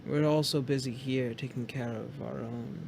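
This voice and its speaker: A man playing a gentle, wise shopkeeper in a tabletop fantasy game, talking in a soft, measured, kindly way. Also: mid-range voice, steady tone, gravelly, noisy background, natural voice. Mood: gentle, knowing. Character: gentle, wise, welcoming shopkeeper sharing forest lore.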